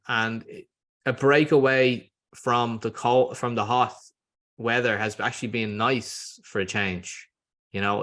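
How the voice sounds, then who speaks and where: A man's voice: mid-range voice, a bit bright. A man hosting a video-call interview, chatting in a friendly, rambling way with frequent restarts. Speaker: host. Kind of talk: casual interview chat.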